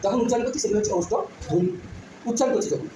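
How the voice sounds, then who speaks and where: Female teacher, patient drilling delivery, recorded in a very echoey room with audible background noise. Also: medium pitch. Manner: patient, repeats sounds slowly, checks understanding often. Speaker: school teacher. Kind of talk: classroom phonetics lesson.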